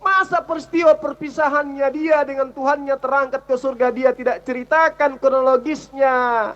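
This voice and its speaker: A man's voice: extremely high pitch, a bit bright. A man arguing and lecturing in a heated religious debate, challenging his opponent. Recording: dull lo-fi sound.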